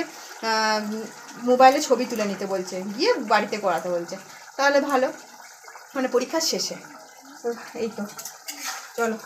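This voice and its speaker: A woman's voice: a little high, slight background noise, low-quality recording. Chatty woman vlogging from home. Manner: chatty, talks straight to viewers. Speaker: family vlogger. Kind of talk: casual vlog narration.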